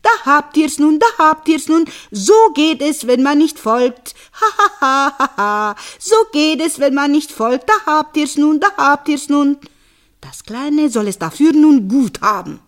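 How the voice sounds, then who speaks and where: A woman voicing a foolish, cheerful young peasant wife in a storybook tale, talking in a shrill, gleeful singsong. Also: very animated, slow, hardly any pauses, sharp tone, heavily acted.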